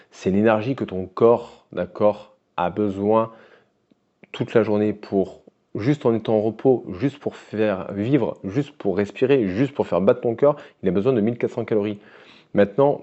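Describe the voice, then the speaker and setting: A French-accented man speaks as a weight-loss coach, talking straight to his viewer in a relaxed, conversational way and checking in with a steady "d'accord?". His voice sits on the low side with a mellow, warm tone. The recording is a little muffled. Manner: casual, addresses viewer directly with frequent "d'accord?". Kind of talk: direct-to-camera coaching talk.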